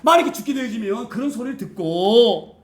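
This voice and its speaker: A man preaching a sermon as pastor, animated and acting out the voices of the people he quotes. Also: very high-pitched, brisk, echoey room.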